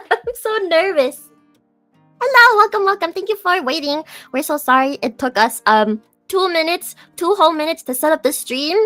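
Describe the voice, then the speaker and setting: A woman's voice: very high voice, a bit bright. A young woman chatting casually on a livestream as host, playful, giggly and flustered like a bubbly gamer girl. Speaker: stream host and virtual streamer. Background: music.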